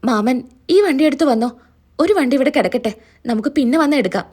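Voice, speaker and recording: A woman's voice: high-pitched, fast, darkish tone, husky. A woman retelling a story, voicing a worried young man coaxing his father to come home. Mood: pleading. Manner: urgent, coaxing.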